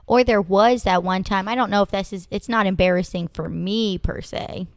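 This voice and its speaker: A woman's voice: mid-range voice, normal speed, no echo, studio quality. A young woman hosting a casual chat with her father, teasing him and laughing often. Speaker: podcast host interviewing her father.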